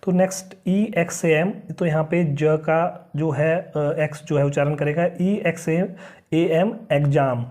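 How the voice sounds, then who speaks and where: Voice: mid-range voice, flat delivery, a little mellow. An English teacher giving a beginner lesson, spelling each word letter by letter and then pronouncing it in a patient, repetitive way. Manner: spells words letter by letter, then says them slowly.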